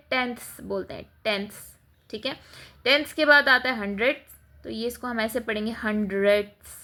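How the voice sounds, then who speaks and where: A woman's voice: on the high side, bright, forceful tone. A woman math teacher, explaining a lesson step by step in a patient classroom manner, mixing English terms in. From Pakistan.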